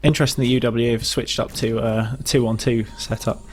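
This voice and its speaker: A man co-casting a live video game match, giving casual quick analysis. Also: mid-range voice, steady tone, darkish tone, a little hiss or hum. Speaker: esports co-caster.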